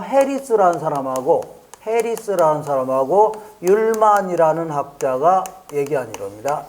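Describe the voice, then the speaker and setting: This exam prep lecturer, a man from Chungcheong, Korea, keeps things jokey and playful, posing rhetorical questions he answers himself and hammering mnemonics home by repeating them. His voice is a little high and slightly mellow.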